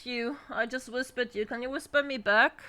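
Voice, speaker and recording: Bright high-voiced woman streamer. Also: steady tone, normal speed. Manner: bubbly, chatty with viewers, bursts of shouting and laughing. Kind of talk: casual live-stream chat.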